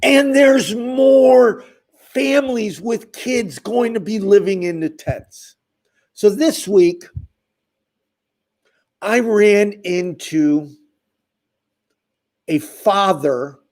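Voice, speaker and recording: This man's voice sits high and a little mellow; he draws out his words and leaves long pauses. He hosts an advocacy channel for homeless people and rants emphatically and passionately, addressing his viewers straight to camera.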